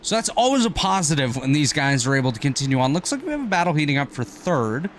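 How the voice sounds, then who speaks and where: Energetic male racing play-by-play caller. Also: fairly high pitch, slight background noise. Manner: rapid, energetic play-by-play with quick self-corrections. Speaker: play-by-play commentator. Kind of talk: sim racing commentary.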